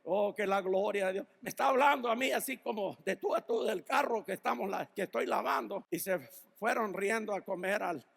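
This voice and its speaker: A man's voice: high-pitched, fairly quick, creaky, fairly bright tone, big-room sound. A man preaching a sermon as pastor, reading Bible verses and telling stories, sometimes laughing at them. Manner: storytelling, laughs at his own stories; reads Bible verses then applies them to the listeners.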